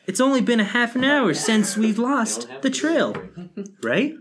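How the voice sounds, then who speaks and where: A man's voice: extremely high pitch, very animated, measured pace, gravelly, a crowd in the background. A young man joking around with friends in an improvised comedy skit, playful and teasing. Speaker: improv player.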